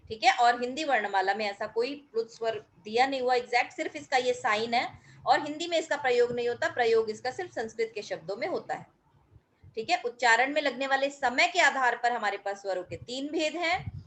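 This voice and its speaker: In a recorded grammar lesson, a middle-aged woman who teaches school explains the material to her pupils with a high, clear and slightly bright voice. She proceeds patiently and methodically, lengthening sounds to show their pronunciation.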